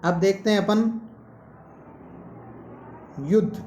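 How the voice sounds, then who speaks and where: A male teacher, explaining a lesson slowly and posing questions to students. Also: sits high, steady tone, mellow, echoey room, a little hiss or hum. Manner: slow, explanatory, asks questions. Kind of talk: classroom-style lesson.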